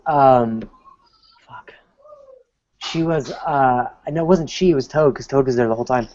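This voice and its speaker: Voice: mid-range voice, measured pace, darkish tone. A guest in a casual chat, hesitant, full of "um"s and restarts, swearing now and then. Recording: dull lo-fi sound.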